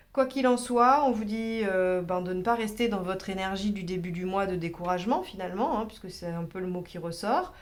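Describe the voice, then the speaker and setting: This is a woman doing a tarot reading in an easygoing, conversational tone at a middle pitch. She thinks out loud, fills her pauses with little hesitations and keeps reassuring her listeners. Now and then she drifts slightly away from the mic while laying out cards. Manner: thinking aloud, many fillers, reassuring asides. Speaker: tarot reader. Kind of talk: casual tarot reading monologue.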